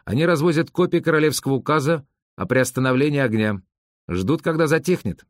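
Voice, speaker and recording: A man's voice: on the high side, fairly quick, no echo, studio quality, pitched above the performer's own voice, close to an everyday voice. A man voicing a young, polite army officer who speaks formally and correctly, in an audiobook. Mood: explaining.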